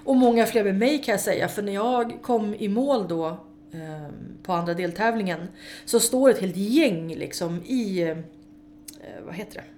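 A woman, a guest in an interview, telling lively stories about racing her car, swearing freely and laughing along the way. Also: mid-range voice, a little hiss or hum. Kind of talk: casual interview storytelling.

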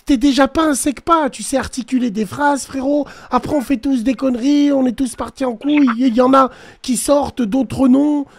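A man's voice: extremely high pitch, fairly even intonation, moderate pace, gravelly, no room sound. French suburban man, familiar street slang. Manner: familiar, addresses listener as brother. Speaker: live stream host.

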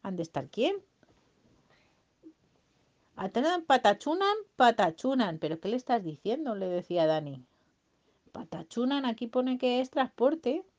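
A woman's voice: fairly high pitch, big pitch swings, normal speed, warm tone. A woman making up a bedtime story for a child, playful, with sung bits and sound effects. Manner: playful, sings silly songs and sound effects.

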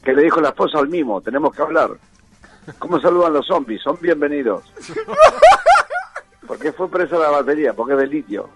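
A man's voice: a little high, huge pitch swings, normal speed, pauses often, faint music behind. A man with an Argentine accent, a comedian guest telling short jokes one after another and laughing along. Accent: Argentine Spanish. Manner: punchy, laughs at own jokes. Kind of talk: rapid-fire joke telling.

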